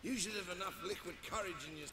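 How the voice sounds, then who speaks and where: Guy doing drunk boastful fantasy game soldier, raised gravelly voice, noisy background. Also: high-pitched, fast talker, natural voice. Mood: taunting. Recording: game audio with background noise.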